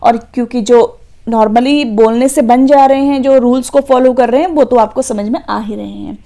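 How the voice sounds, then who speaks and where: A woman's voice: a little high, moderate pace, mellow. A woman teaching a phonics lesson for children, spelling words letter by letter and answering her own questions.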